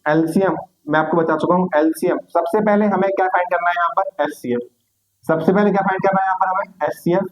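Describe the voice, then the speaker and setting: A man's voice: sits high, fairly even intonation, fast, low-quality recording. A young adult man teaching a maths lesson online, repeating questions and answers and calling students "beta".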